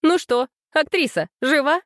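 A woman reading aloud and voicing a brisk, curt woman who trains riders, scolding and giving orders. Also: sits high, fairly bright tone, no room sound, studio quality, pitched above the performer's own voice.

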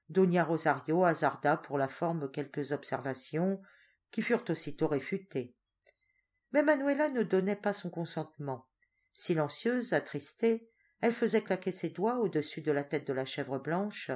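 A woman narrates a storybook audiobook in a somewhat low voice. Her reading is expressive but steady. She carries the story at an even pace. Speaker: audiobook reader. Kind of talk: scripted narration.

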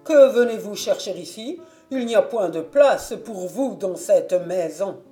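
A woman reading a storybook aloud and voicing a contemptuous male castle doorman who yells at visitors. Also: medium pitch, animated, unhurried, faint music behind, lightly acted. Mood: scornful. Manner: contemptuous, shouting.

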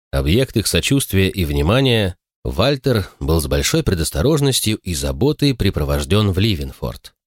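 This is a man narrating an audiobook. His voice is deep, and his intonation rises and falls in an expressive storytelling manner. The recording is dry and close. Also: dry recording. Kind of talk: scripted narration.

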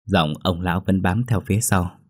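Deep, husky male ghost-story narrator. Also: steady tone. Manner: measured, dramatic reading.

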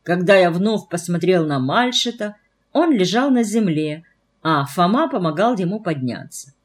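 A woman narrating a novel for an audiobook in an even, clear storytelling manner. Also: fairly low pitch, moderate pace.

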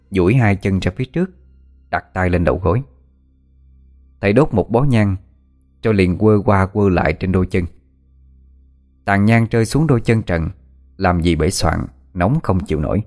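A deep-voiced man tells a scripted horror story at an even, measured pace. Soft music plays faintly beneath his voice.

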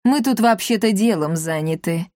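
A woman's voice: mid-range voice, animated, normal speed, darkish tone, no echo, clean studio sound, natural voice. A woman reading a story aloud, voicing a smug, sly male chief of gendarmes who talks down to others. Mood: condescending.

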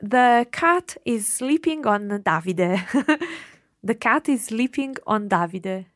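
A woman's voice: on the high side, animated, slow pace, fairly bright tone, dry recording, studio quality. A woman teaching Italian, setting translation exercises and patiently explaining the grammar. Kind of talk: language lesson.

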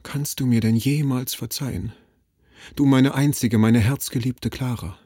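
A man's voice: mid-range voice, steady tone, measured pace, mellow, breathy edge, dry recording, clean studio sound. A man reading a storybook voices an anguished, volatile young man who sighs and pleads. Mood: pleading. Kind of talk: audiobook character reading.

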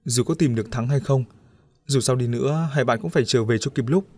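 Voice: mid-range voice, fairly quick, darkish tone, natural voice. A man voicing a remorseful, earnest young friend in an audiobook story, urging the others insistently. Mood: urgent.

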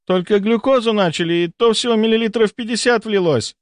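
A man's voice: high voice, fairly quick, dry recording, clean studio sound, voice pushed up, close to an everyday voice. A man reading aloud, voicing a frightened young female nurse with alarmed exclamations. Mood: anxious.

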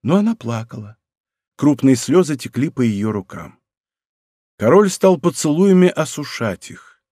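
A man narrating a historical novel as an audiobook, with expressive storytelling. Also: mid-range voice, measured pace, dry recording. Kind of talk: scripted narration. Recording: dry studio recording.

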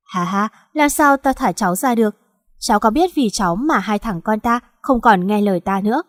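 A woman's voice: mid-range voice, lively intonation, normal speed, no echo, clean studio sound, big-room sound, lightly acted. Woman narrator doing a scheming old boss, mocking and smug, storybook reading. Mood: gloating. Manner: gloating, mocking. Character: cold scheming older male crime boss.

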